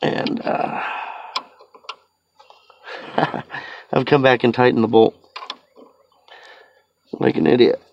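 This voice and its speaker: A man's voice: mid-range voice, steady tone, takes it slowly, creaky, long pauses, highs cut off, a little hiss or hum. A man with a stuffy, sniffly cold talks through a car repair in a chatty, rambling, self-deprecating way, working outside in a yard. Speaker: home mechanic demonstrating a repair. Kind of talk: casual how-to car repair walkthrough. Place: outdoors in a yard on a slope.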